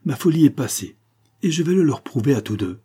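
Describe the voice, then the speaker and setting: A man's voice: mid-range voice, animated, fairly quick, mellow, husky, pitched above the performer's own voice. A man reading a furious young Russian count. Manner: agitated, vehement outbursts. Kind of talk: audiobook character reading.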